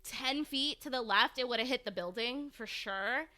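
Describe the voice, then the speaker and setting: A woman co-hosting a podcast in casual, slangy banter, with a halting, giggly way of talking. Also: on the high side, pushed and bright. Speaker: podcast co-host.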